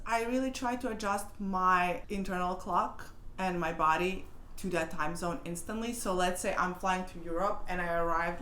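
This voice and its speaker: A woman's voice: fairly low pitch, fairly bright tone. Lady in her 30s rambling thru travel tips, roomy echo, faint hum behind. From Serbia. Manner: chatty and rambling, lists tips with restarts. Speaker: travel vlogger. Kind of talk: casual talking-head advice vlog. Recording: echoey room with faint ambient noise.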